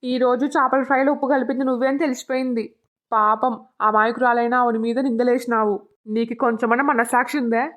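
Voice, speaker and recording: A woman's voice: on the high side, little pitch movement, brisk, natural voice. A woman voicing a stern family member in a cartoon, scolding bluntly.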